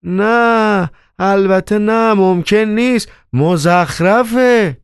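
A man doing a flustered, shouting theater manager. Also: medium pitch, sing-song, clean tone, no echo, studio quality, pitched above the performer's own voice. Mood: agitated. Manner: exclaiming, agitated. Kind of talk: audiobook character voice.

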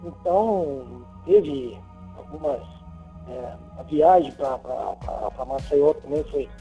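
A Brazilian man in his sixties, a former footballer, reminiscing casually in an interview, halting and repeating words as he recalls. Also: a little high, mellow. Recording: muffled, band-limited sound, faint music.

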